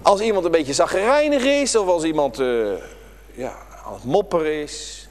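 A man preaching a sermon to his congregation, dramatic, rising to emphatic lines and dropping to hushed near-whispers. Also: a little high, animated, moderate pace. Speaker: pastor. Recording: long church reverb.

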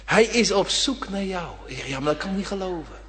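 A man preaching a sermon, impassioned, swinging from loud appeals to hushed whispers, in a church. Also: high voice, lively intonation, normal speed. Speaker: pastor. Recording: reverberant church hall.

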